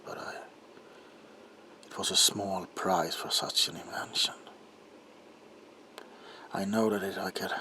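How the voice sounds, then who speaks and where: In an ASMR roleplay monologue, a man voices a doctor tormented by guilt who confesses with haunted longing. His voice is low, bright, and forceful yet breathy, frequently falling to a whisper. The delivery is halting and intense, coming in broken, haunted phrases.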